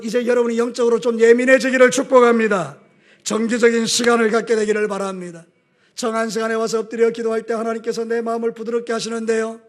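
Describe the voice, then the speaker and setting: A man with a Gyeongsang Korean accent preaching a sermon as a pastor, animated, mixing homely stories with call-and-response in a church. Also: extremely high pitch.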